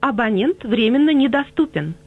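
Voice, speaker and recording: A woman's voice: a little high, normal speed, phone-quality sound, heavy background noise. A recorded female phone-network announcement with a robot-like, mechanical delivery. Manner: flat, mechanical recorded phrasing. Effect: automated phone network announcement, robot-like. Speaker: recorded telephone operator message. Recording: distant phone recording over loud music.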